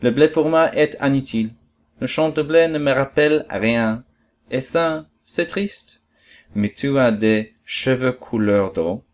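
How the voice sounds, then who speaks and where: A man voicing a lonely, wistful male fox who speaks gently and patiently, with earnest pleading. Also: mid-range voice, slow pace, natural voice.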